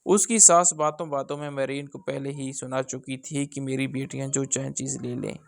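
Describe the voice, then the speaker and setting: A man narrating a family drama story in a steady storytelling manner. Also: medium pitch, gravelly.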